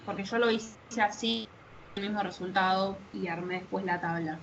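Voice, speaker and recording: A woman's voice: medium pitch, steady tone. A woman student asking a question in an online class, her voice choppy and breaking up over a bad internet connection. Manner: hesitant, slow and searching for words. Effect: choppy audio over a bad internet connection. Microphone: computer mic on a video call. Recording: dull lo-fi call audio with faint noise.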